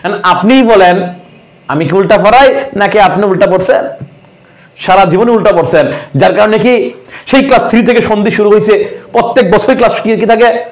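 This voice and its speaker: Teasing high-voiced man teaching grammar. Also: normal speed, long pauses. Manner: rhetorical questions, answers them himself, teasing. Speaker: exam prep teacher. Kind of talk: online grammar class.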